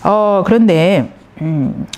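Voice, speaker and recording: Middle-aged woman, Bible teacher, mellow tone, swooping lively delivery, acts out quotes. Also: mid-range voice, extremely slow. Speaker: counselor teaching on scripture. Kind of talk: Bible lecture.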